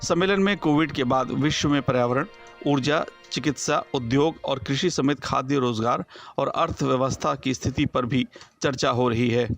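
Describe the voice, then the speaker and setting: A male correspondent reading a scripted news report in a formal, even delivery. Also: mid-range voice, normal speed, soft background music.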